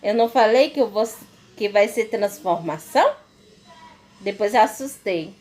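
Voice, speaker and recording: A woman's voice: mid-range voice, expressive, measured pace, a little mellow. A woman giving an emotional religious testimony as a missionary, in a fervent, repetitive storytelling manner.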